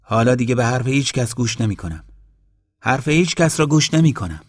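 A man's voice: mid-range voice, expressive, voice pushed up, lightly acted. Man doing a stubborn kindhearted young man. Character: stubborn kindhearted young man who keeps an old dog. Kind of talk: storybook reading.

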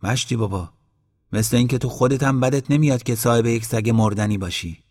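A man's voice: medium pitch, a little mellow, no echo, clean studio sound, big-room sound, lightly acted. A man voicing a teasing village man in a storybook reading.

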